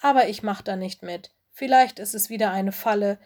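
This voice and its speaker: A woman's voice: mid-range voice, moderate pace, a little mellow, natural voice. A woman voicing a sulky, stubborn young female forest animal. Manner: dismissive, sulky.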